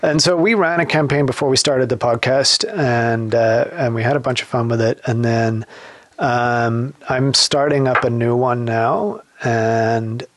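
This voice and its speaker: A man hosting a casual gaming podcast, rambling with many pauses and restarts as he explains a campaign he runs. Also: mid-range voice, steady tone, no echo. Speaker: podcast host and campaign games master.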